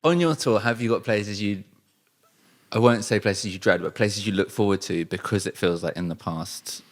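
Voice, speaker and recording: Low-voiced reflective podcast host. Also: male voice, normal speed. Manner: thoughtful, searching, reflective phrasing. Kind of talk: casual conversational interview.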